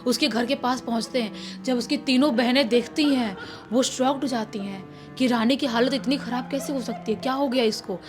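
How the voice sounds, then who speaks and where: A woman tells a horror story in a casual, chatty way, circling back over her words as she goes. Her voice sits high, and soft music plays faintly underneath. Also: moderate pace. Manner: chatty, repetitive, animated retelling. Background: faint background music.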